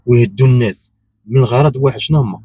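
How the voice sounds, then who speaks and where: Very fast and mellow, with a slight roughness, a man's medium-pitched voice comes through a dry recording. He's a YouTube commentator with a Moroccan accent, giving unscripted opinions insistently, repeating himself and throwing out rhetorical questions.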